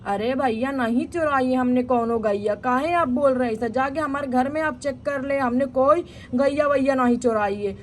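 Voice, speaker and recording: A woman's voice: sits high, normal speed, few pauses, slight background noise, close to an everyday voice. A woman voicing a rustic village woman denying a theft in a doll story. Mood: defensive. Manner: defensive, indignant protesting.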